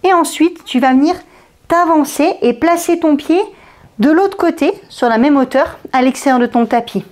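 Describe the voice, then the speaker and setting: Fitness coach, woman, high voice, slight accent; cues moves straight to the viewer, energetic and directive. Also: moderate pace. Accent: slight foreign accent. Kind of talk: workout instruction.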